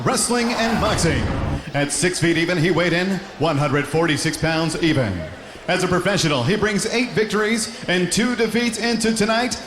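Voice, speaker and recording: A man working as a ring announcer, delivering formal fight introductions in a booming, drawn-out showman style. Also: fairly bright tone, slight background noise. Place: inside a fight arena. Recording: echoey arena, music behind.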